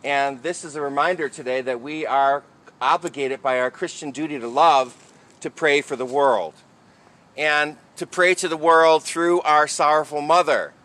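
Bright-voiced man preaching as a priest. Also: fairly high pitch, steady tone, moderate pace. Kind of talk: sermon and liturgical reading at Mass.

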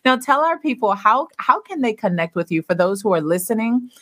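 A woman's voice: fairly high pitch, sing-song, a little fast, fairly bright tone. A woman hosting a podcast, talking in a playful, upbeat, teasing way and laughing often. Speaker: podcast host. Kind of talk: warm casual podcast outro.

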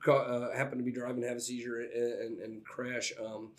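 A man co-hosting a casual podcast chat, talking in halting bursts full of fillers and restarts. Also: mid-range voice, flat delivery. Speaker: podcast co-host.

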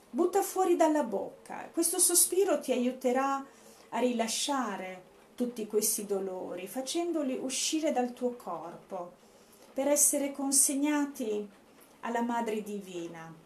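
A woman leading a guided breathing meditation as an instructor, speaking in a deliberate, instructive way with pauses. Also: a little high, expressive, a little mellow. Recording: echoey room, faint background noise.

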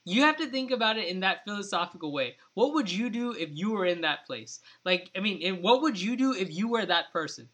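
A man co-hosting a casual politics podcast, debating with real passion. His voice sits high and sounds bright and forceful. He rambles, circling back with "like" and "I mean". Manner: impassioned, rambling, many "like" and "I mean" fillers. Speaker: podcast co-host.

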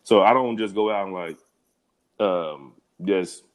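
Low-voiced slangy man, laid-back. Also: a little slow. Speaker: podcast guest. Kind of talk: casual chat.

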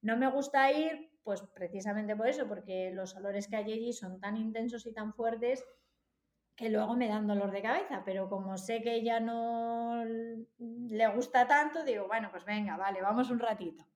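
A woman from Spain in her forties, a mother telling a family story in a lively way. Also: fairly high pitch, moderate pace, roomy sound. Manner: animated, acts out quoted voices. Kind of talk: casual storytelling.

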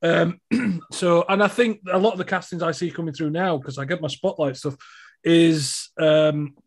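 A Northern English man speaks in a fairly high voice. He is an actor chatting casually about his trade, and he tells his stories in an animated way, full of asides. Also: normal speed. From Northern England. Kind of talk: casual chat.

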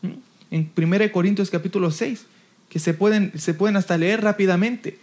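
A man's voice: high voice, steady tone, a little mellow. Fervent man reading scripture. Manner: fervent, quotes verses slowly and deliberately. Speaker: Bible teacher.

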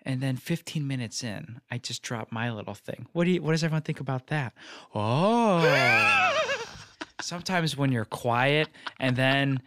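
A man's voice: mid-range voice, huge pitch swings, unhurried, sharp tone, dry recording, clean studio sound. Wry teasing podcast co-host man. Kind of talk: casual podcast chat.

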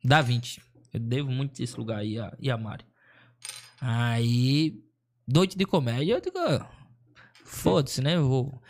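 A man, a comedian, telling a long story in casual chat, slangy and animated, acting out what people said. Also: medium pitch, measured pace, pauses often. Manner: slangy, animated, acts out quotes.

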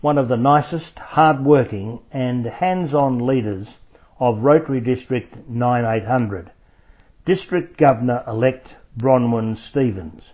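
Formal male community radio interviewer. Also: mid-range voice. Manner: formal, effusive introductions. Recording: dull lo-fi radio recording.

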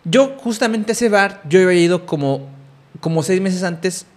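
A man's voice: high voice, lively intonation, moderate pace. A young man with a Mexican Spanish accent, telling a story in casual chat, rambling with many fillers and restarts.

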